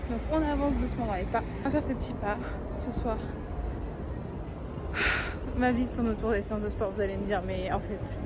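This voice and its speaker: A young woman vlogging casually on her phone while out in the city, chatty and confiding. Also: a little high. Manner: chatty, confiding, sometimes whispering. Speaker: fitness vlogger. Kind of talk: casual vlog chat. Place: out and about in the city, street and transit. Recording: phone audio with street noise.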